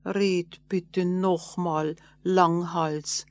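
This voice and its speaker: A woman's voice: medium pitch, slow pace, no echo, natural voice. A woman doing a meek little forest woman. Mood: pleading.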